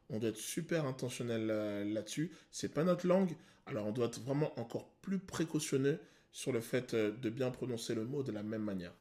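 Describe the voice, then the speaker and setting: A male vocal coach explaining singing technique to viewers, pausing to sing short examples. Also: medium pitch, darkish tone. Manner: explanatory, addresses viewers, sings short demos. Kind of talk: vocal analysis video commentary.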